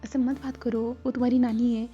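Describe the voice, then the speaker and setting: A woman voicing a calm, protective grown man who soothes his nephew. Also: fairly high pitch, brisk, close to an everyday voice. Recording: slightly dull with soft music.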